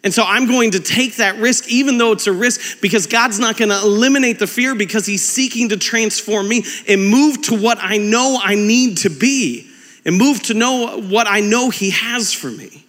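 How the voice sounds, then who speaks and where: Pastor, male, 30s: high, bright, cutting voice, impassioned sermon delivery, long hall reverb. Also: moderate pace. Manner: impassioned, building to fervent exhortation; animated storytelling with humor. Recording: long reverb with faint music.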